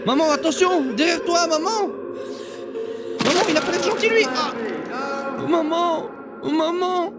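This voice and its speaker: A man's voice: measured pace, long pauses, loud music behind the voice. A man voicing a frightened little boy crying out for his mother in a game. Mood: panicked. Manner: panicked, shrill calls.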